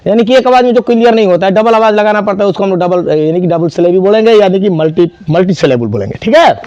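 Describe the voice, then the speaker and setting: A man's voice: high-pitched, a little mellow, no room sound. A man teaching an English grammar class, spelling words out and quizzing students. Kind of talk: classroom lesson.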